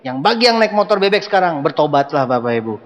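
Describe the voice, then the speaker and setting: A man giving a motivational seminar talk to a live audience, animated and joking, speaking to them directly. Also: on the high side, fast, dull audio. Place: large hall with audience. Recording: long hall reverb.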